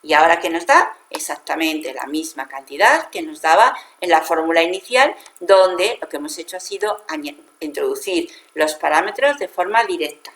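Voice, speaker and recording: A woman's voice: sits low, expressive, normal speed, few pauses, fairly bright tone, echoey room. A woman with a Spanish accent from Spain, patiently explaining a spreadsheet tutorial step by step and correcting herself as she goes. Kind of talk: screen-recorded software tutorial.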